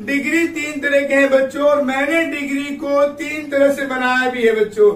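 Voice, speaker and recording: A man's voice: extremely high pitch, fairly even intonation, normal speed, a bit bright. A male grammar teacher, giving a classroom-style lesson, repeatedly calling his students kids and answering his own questions. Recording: echoey room, voice far from mic, faint background noise.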